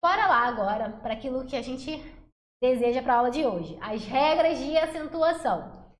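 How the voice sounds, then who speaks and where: A young woman with a bright, high voice gives an energetic, chatty online grammar lesson. She talks to her viewers like friends. Her voice rings a little in an echoey room. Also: moderate pace. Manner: chatty, energetic, calls viewers "meu amor" and "galerinha". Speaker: Portuguese teacher.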